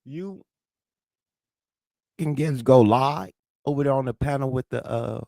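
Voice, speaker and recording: Gravelly yet warm, this man's medium-pitched voice stays unhurried as he rants on a livestream, swearing and battling chat commenters. He has a lisp and a St. Louis accent from the American South Midwest, and there's no room sound.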